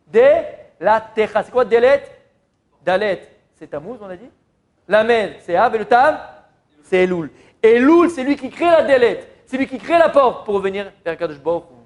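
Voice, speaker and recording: A man's voice: high-pitched, very animated, normal speed, pauses often. A rabbi giving a Torah lesson to an audience, often asking them questions as he teaches.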